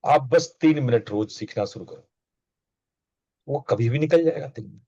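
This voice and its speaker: A man's voice: medium pitch, normal speed, warm tone, breathy edge, no room sound. Male spiritual teacher, coaxing conversational discourse, repeats himself for emphasis; dry, dull recording.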